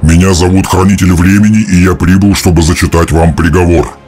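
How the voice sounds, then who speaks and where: A pompous cartoon guardian spirit played by a man with a low, mellow voice. He pronounces sternly and formally, like a humourless official, over music. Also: steady tone, a little fast, natural voice. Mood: solemn. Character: stern, pompous magical timekeeper spirit, male.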